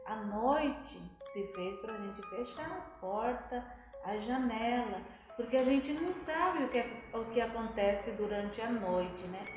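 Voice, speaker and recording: A gentle, fatherly old village priest, as a Brazilian woman storyteller puts him on in a spoken ghost tale. His warnings are soft and caring. The voice rings in a very echoey room. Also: on the high side, slow pace. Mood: grave. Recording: very echoey room, faint music.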